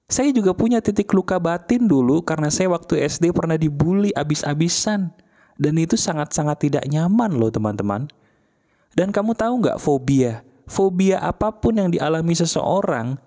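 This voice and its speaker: A man's voice: on the high side, expressive, moderate pace, dark tone. A man giving a casual motivational talk, speaking straight to the listener with emphatic, colloquial phrasing and repeated rhetorical questions.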